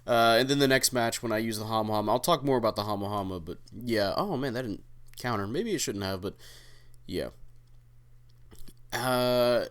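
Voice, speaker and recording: A young man hosting his own channel, giving relaxed, rambling commentary over his gameplay with many fillers and casual swearing. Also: medium pitch, moderate pace, pauses often. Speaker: gaming channel host.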